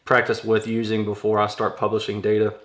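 In a small workshop, a man in his thirties who reviews products opens up audio gear and chats informally, thinking aloud as he goes. His voice sits on the low side, fairly quick, monotone and somewhat bright. Packaging crinkles, clicks, rustles and handling noise are plainly audible.

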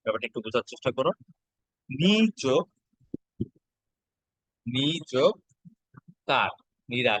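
Man, patient exam-prep teacher, mid pitch, dry close sound. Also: expressive, unhurried, long pauses, a bit bright, dry recording, rough recording. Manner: patient, repeats each step, checks in with "ঠিক আছে?". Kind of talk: exam-prep lesson at a whiteboard.

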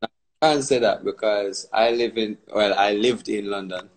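A man from Barbados hosting a casual phone live stream, talking in a relaxed, rambling way with many fillers. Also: on the low side, normal speed, low-quality recording. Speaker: Instagram live host.

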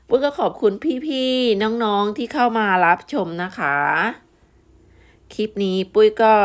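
Chatty Thai woman vlogger with Isan accent. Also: mid-range voice. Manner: chatty, warning tone, many fillers and "everyone". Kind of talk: casual chat to viewers.

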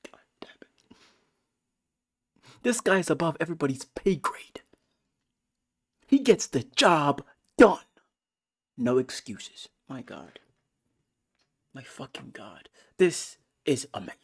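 A man giving a casual, excitable movie review, full of profanity and swinging between loud outbursts and hushed whispers. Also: fairly high pitch, takes it slowly, pauses often, breathy edge.

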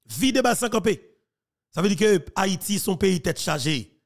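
Haitian man, high voice, earnest commentary. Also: expressive, moderate pace. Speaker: news commentator. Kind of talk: commentary on a played clip. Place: small plain room, indoors. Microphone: studio mic on a boom, wearing headphones.

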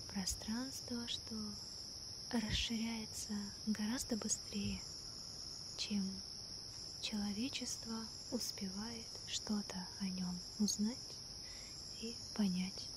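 A woman in an ASMR role-play as a gentle, wonder-struck girlfriend stargazing at night, soft-spoken softly right into the listener's ear. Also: medium pitch, steady tone, slow, long pauses, natural voice. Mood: hushed wonder. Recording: night crickets, insects and clear ambient noise. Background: crickets and night insects.

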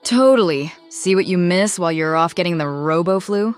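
A woman's voice: fairly low pitch, normal speed, faint music behind, close to an everyday voice. A woman voicing a plucky, sociable young female lemur in a comic dub, chummy and slangy.

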